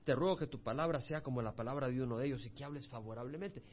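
A man's voice: medium pitch, rapid-fire, breathy edge. A pastor preaching an expository Bible sermon, reading scripture aloud and then explaining it with asides to his listeners. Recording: muffled lo-fi recording.

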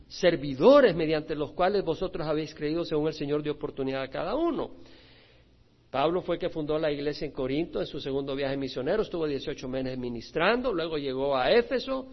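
A male pastor, preaching an expository sermon with animated swings between loud and soft and acted-out quoted voices. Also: on the high side, slightly rough. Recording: dull lo-fi recording.

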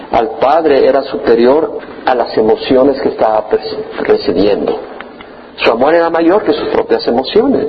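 A man preaching a sermon as pastor, lively and acting out the voices he quotes. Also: fairly high pitch, lo-fi sound, a little hiss or hum. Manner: animated, acts out quoted voices.

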